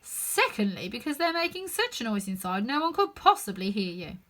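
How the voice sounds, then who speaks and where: A woman voicing a solemn, dim, literal-minded male frog footman in a storybook, slow, loud and pompous. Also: fairly high pitch, big pitch swings.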